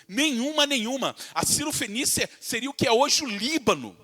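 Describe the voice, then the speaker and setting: A man's voice: extremely high pitch, big pitch swings, normal speed, pushed and bright. A man preaching a sermon in Brazilian Portuguese. He talks with passion, calls his listeners dear, and acts out the people in the Bible story. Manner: impassioned preaching, calls listeners "querido", acts out voices from the text. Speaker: pastor.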